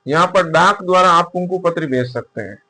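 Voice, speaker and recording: Guy doing a casual exam prep lesson, kinda high voice, asks stuff then answers it, repeats words slow while writing. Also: sharp tone. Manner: repeats key terms slowly while writing, asks and answers his own questions. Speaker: exam coaching teacher. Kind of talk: casual classroom-style lecture.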